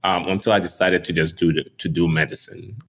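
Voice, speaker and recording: A middle-aged Ghanaian neurosurgeon, appearing as a guest, answers interview questions briskly but in a relaxed manner. His voice is very deep and low, sprinkled with "um," "you know," and the occasional chuckle.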